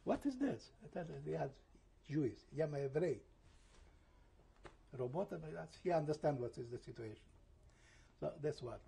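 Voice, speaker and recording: Gravelly, husky elderly man recounting memories. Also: a little high, mellow. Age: 70s. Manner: halting, broken English with searching pauses; slips into German and Hebrew words. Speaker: Holocaust survivor giving testimony. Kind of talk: oral history interview.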